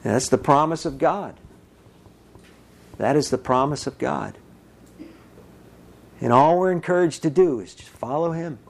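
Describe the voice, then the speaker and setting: High-voiced man preaching a lively sermon. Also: a little slow, creaky, long pauses. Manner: animated, acts out little voices and dialogue. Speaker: pastor.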